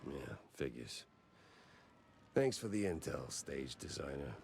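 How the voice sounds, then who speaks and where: An actor playing a hard-boiled male mouse detective and war veteran in a cartoon game, with a clipped, gruff noir delivery. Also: extremely low pitch, sing-song, slow pace, darkish tone, slight background noise, full character voice. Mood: terse, probing.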